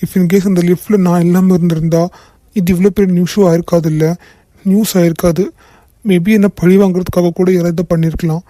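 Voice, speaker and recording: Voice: mid-range voice, steady tone, fairly quick, no echo, natural voice. A voice actor playing a guilt-ridden young male boss. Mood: guilty, tearful. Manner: soft-spoken, tearful, repeated apologies. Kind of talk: cartoon voice acting.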